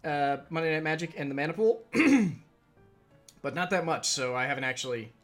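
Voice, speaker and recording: A man's voice: fairly high pitch, expressive, moderate pace, fairly bright tone. A man hosting a let's play, chatting casually and rambling, with occasional swearing while he reads game text aloud. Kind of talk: casual gameplay commentary. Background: game music.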